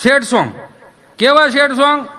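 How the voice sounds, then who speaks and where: A man's voice: very high-pitched, normal speed, pushed and bright. A middle-aged man, a folk comedian telling stories and teasing and lecturing his listeners in a playful, preachy way. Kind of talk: comic dayro storytelling to an audience.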